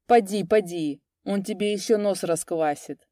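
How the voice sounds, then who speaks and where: A woman's voice: mid-range voice, a little slow, dark tone, dry recording, clean studio sound, natural voice. A woman voicing a sullen, mocking drunk peasant man in a storybook reading, surly and jeering in her delivery.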